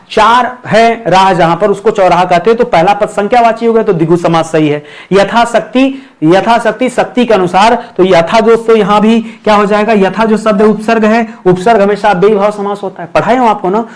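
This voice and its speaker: A man's voice: sits high, a little fast, few pauses. A man teaching a grammar lesson for exam preparation, repeating key terms and checking in with his listeners.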